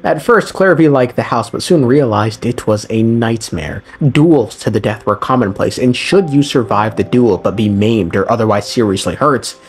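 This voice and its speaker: A man recaps a game's story in casual, sarcastic commentary, full of profane and irreverent humor. His voice is medium-pitched, his pace moderate with few pauses, and he speaks over background music.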